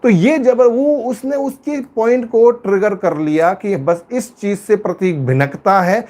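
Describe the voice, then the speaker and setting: A man with a very high voice talks through a reality show episode in a loose, casual way. He is emphatic and says his points again and again. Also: unhurried, darkish tone. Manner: emphatic, repetitive, acts out quoted lines. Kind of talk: casual spoken show review.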